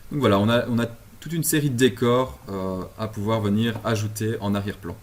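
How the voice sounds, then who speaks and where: A man from Belgium giving a relaxed software tutorial from his apartment over a video call, with many fillers and restarts. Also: on the low side, brisk. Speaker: instructor. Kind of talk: screen-share software tutorial. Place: home apartment.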